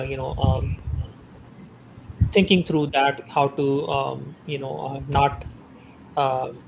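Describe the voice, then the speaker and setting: A man from Pakistan, a podcast guest, talking casually in a halting way full of fillers and restarts. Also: mid-range voice, creaky, a little hiss or hum, low-quality recording.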